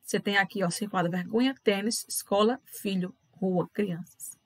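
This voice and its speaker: A woman's voice: medium pitch, moderate pace, no echo. A woman with a Brazilian Portuguese accent, teaching a recorded lesson to children. She walks through worksheet questions patiently and keeps checking in with the pupils. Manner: patient, addresses pupils directly with tag questions.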